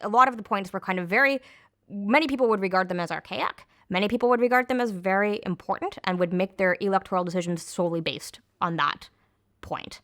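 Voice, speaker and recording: A woman explaining politics in an interview, measured, with frequent ums and self-corrections. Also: medium pitch, a bit bright.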